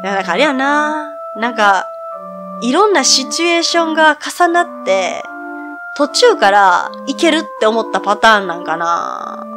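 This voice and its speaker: A woman's voice: on the high side, sing-song, moderate pace, music in the background. A woman with a Kansai accent giving chatty, casual commentary while playing a video game. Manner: chatty, talks to herself, laughs easily. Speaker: game streamer. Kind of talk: casual let's-play commentary.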